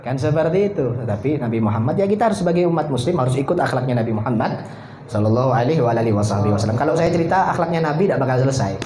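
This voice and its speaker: A man preaching a sermon, telling a story with lively acted-out dialogue. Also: mid-range voice, very fast. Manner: animated, acts out the dialogue. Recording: echoey hall with faint noise.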